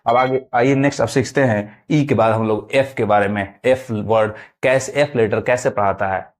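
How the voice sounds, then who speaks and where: A man's voice: medium pitch, fairly even intonation, moderate pace. Repetitive Hindi-speaking male English teacher. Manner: repetitive, keeps asking if students understand. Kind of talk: video lesson on English pronunciation.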